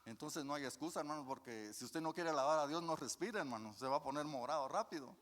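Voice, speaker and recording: A man's voice: a little high, expressive, fast, a bit bright. A man preaching a folksy sermon, often calling his listeners brothers and asking them questions that he then answers himself. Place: church hall. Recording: long church reverb.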